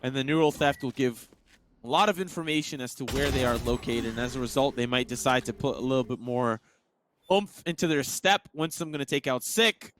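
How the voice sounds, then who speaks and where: A man's voice: mid-range voice, brisk, a bit bright. A man giving live esports caster commentary, analyzing the game in a conversational way.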